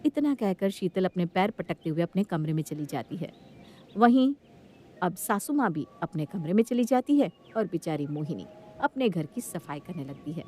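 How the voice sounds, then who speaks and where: A woman's voice: fairly low pitch, moderate pace, slight background noise. Woman narrating a moral story. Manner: steady storytelling.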